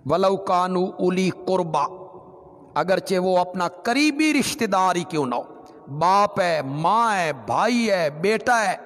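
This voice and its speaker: A man's voice: high voice, animated, takes it slowly, a bit bright. A man giving a Quran commentary sermon, reciting Arabic verses and explaining them in Urdu with a Pakistani accent, in emphatic, repetitive preaching. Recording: long hall reverb.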